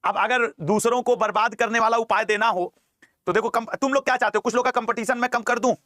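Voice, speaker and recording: Male exam coach, very high voice, dry close sound, jokey lecturing, repeats key terms. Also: fairly even intonation, fast talker, a bit bright, no echo. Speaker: teacher.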